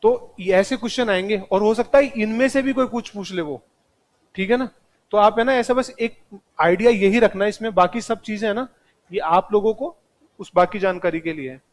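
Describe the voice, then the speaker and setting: A man's voice: sits high, normal speed. A man teaching a live classroom lecture, speaking straight to his students and mixing in English terms.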